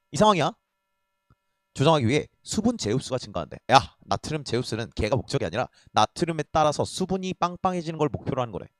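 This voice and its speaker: On a dry recording, a man whose voice sits on the high side teaches a reading lesson as a Korean language tutor. His style is relaxed and frank, peppered with cursing and frequent checks that the class is keeping up.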